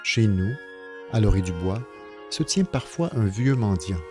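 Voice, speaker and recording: A man reading a literary story aloud in a measured, expressive way. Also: lowish voice, music in the background. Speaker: reader.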